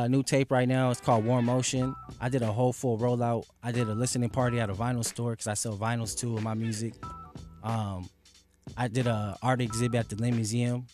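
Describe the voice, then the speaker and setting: A young man talks about his music in a relaxed, slangy way, leaning on fillers. His pitch sits at a middling level for a man. Faint music plays behind him. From Los Angeles, US. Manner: laid-back, heavy fillers, slangy. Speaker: rapper guest. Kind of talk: casual interview chat.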